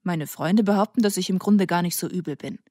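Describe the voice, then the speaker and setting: A woman's voice: lowish voice, brisk, dark tone, dry recording, clean studio sound, close to an everyday voice. Woman reading a teasing, easygoing teen boy. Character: teasing, self-assured teenage boy. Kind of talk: audiobook character voice.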